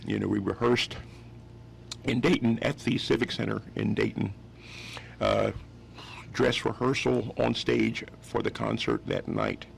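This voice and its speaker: A man's voice: lowish voice, fairly even intonation, a little slow, creaky, slight background noise. A man in his fifties from West Virginia telling stories as a guest on a radio interview, rambling and restarting his sentences often. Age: 50s. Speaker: guest musician.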